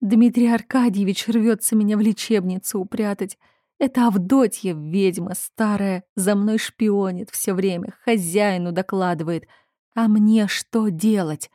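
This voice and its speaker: A woman's voice: medium pitch, fairly even intonation, mellow, no echo, clean studio sound, natural voice. A woman voicing a hysterical, melancholy young noblewoman who sobs and lashes out. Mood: distraught. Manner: sobbing, drawn-out, raised outbursts.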